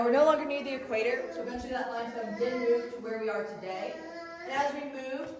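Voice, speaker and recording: A woman guide speaks to a tour group inside a cave, her fairly high voice ringing with heavy echo. She is picked up from a distance and explains things plainly, with the odd light aside. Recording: echoey cave, distant mic, faint noise.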